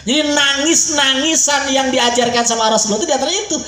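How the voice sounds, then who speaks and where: A man with a Sundanese accent preaching a sermon, leading a crowd in call-and-response with an animated voice that swings between high and low. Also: fast talker. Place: large pesantren gathering. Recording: echoey hall, faint noise.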